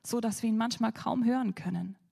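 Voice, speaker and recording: A woman preaching a sermon dramatically, swinging between loud emphasis and whispers. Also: on the high side, a little fast, gravelly, husky.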